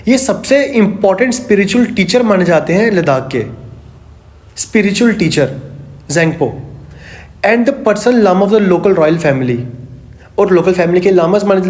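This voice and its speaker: Man, high voice, exam prep history lesson, rhetorical questions, repeats key words. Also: darkish tone. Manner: explains with rhetorical questions and repetition.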